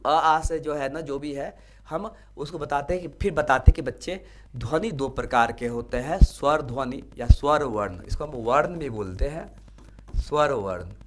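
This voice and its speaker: A male teacher lecturing a class with a slightly higher-than-usual pitch. He explains patiently, repeats key terms, and stops to ask if the students have understood. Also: moderate pace, slight background noise. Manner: explanatory, asks students rhetorical check-in questions.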